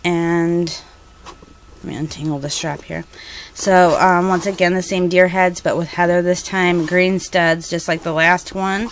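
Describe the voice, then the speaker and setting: A young woman talks her way through a casual crafting vlog in a fairly low voice. She rambles and fills her pauses with ums. A faint background noise sits under her speech. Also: little pitch movement. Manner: chatty, rambling, frequent ums. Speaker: duct tape crafter showing custom orders. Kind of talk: casual show-and-tell vlog.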